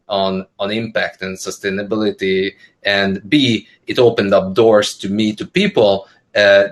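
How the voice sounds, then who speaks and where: Speaking over a video call from an indoor room, this entrepreneur is a man in his thirties from Hungary, describing his work to a webinar panel. His fairly low voice has a slightly bright quality. He chats casually, with plenty of fillers and restarts.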